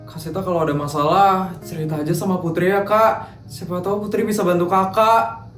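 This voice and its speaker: A woman voicing a kind, curious young schoolgirl heroine who speaks gently in a cartoon. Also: fairly low pitch, fairly even intonation, a little fast, reverberant, faint music behind, lightly acted. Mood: caring. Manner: gentle, concerned, soft-spoken. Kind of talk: cartoon voice acting.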